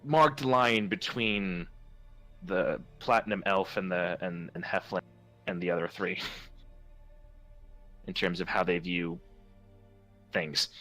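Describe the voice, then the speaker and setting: A man running a tabletop game, describing scenes in a loose, rambling manner. His voice is low and bright, with faint music underneath. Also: steady tone, slow pace, pauses often, poor audio. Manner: loose, rambling narration with fillers. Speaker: game master.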